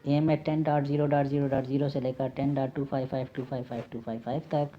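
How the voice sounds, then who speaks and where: A man gives an informal tutorial as an instructor, talking fast in a mid-range voice with little pitch movement. He repeats key terms and mixes in English technical words, and the dull lo-fi mic adds faint noise.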